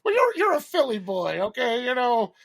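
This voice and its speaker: A man's voice: extremely high pitch, wildly swooping pitch, moderate pace, vocal fry, fairly bright tone. A man from Boston, a podcast guest chatting casually about old comedies, rambling with lots of fillers. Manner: rambling, many fillers, laughs at own stories. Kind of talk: casual chat about movies.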